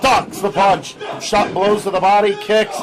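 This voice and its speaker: Speaking a little slowly in a steady tone, a high-voiced man calls lucha libre moves live in short bursts of play-by-play. Noise from the live crowd sits behind his commentary.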